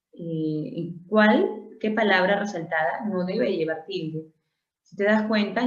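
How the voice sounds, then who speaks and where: A woman, teaching a grammar lesson, patiently checking understanding with frequent tag questions. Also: on the low side. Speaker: language teacher. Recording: roomy, dull lo-fi recording.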